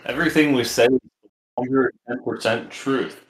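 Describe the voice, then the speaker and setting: A man's voice: medium pitch, fairly even intonation, normal speed. A man playing a tabletop game, joking and bantering casually with the table. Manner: joking, playful. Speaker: player. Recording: roomy echo.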